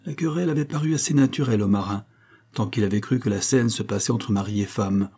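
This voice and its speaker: A man reading a French novel aloud as audiobook narration, measured and even. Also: on the low side, breathy edge. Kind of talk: scripted narration.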